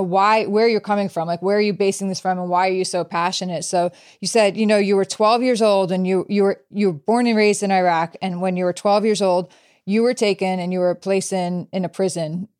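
A woman's voice: mid-range voice, smooth. A woman hosting an interview, probing and recapping her guest's story, often restarting her sentences. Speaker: podcast host. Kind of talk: interview questions.

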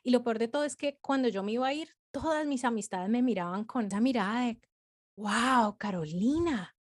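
A woman, telling her story as a guest in a casual interview, chatty and animated with frequent fillers. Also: on the high side, quick pace.

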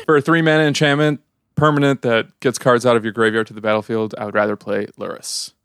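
A man hosting a casual podcast, upbeat, reading patron shout-outs and plugs before card talk. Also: medium pitch, flat delivery, quick pace, clear, resonant tone, no room sound, clean studio sound. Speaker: podcast host.

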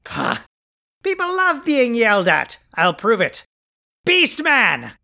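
On this comic scripted podcast, the host is a heavily acted supervillain, pompous and theatrical, whose bright, cutting mid-range voice swoops wildly in pitch at a measured pace. In a bossy mood, he issues bombastic, grandiose decrees, sneers insults at his listeners, and is quick to anger.

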